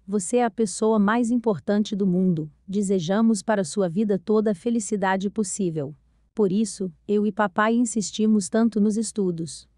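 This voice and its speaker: Patient storybook mother, read by a woman, calm and reassuring, dry close sound. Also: medium pitch, dry recording, close to an everyday voice. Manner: gentle, reassuring, explaining slowly. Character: a loving, patient mother explaining to her daughter.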